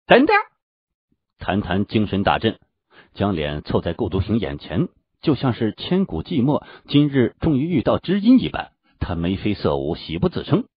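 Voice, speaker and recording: A male audiobook narrator reading a fantasy novel, his lowish, husky voice swinging widely as he tells the story. The recording is dull and dry, with no room around it. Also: moderate pace, no echo. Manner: animated storytelling.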